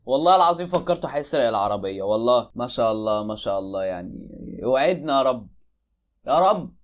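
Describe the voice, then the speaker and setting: A man's voice: medium pitch, animated, quick pace. Joking Egyptian guy reacting to clips. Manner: exclaiming, joking, incredulous. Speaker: YouTuber reacting to videos. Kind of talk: casual reaction commentary.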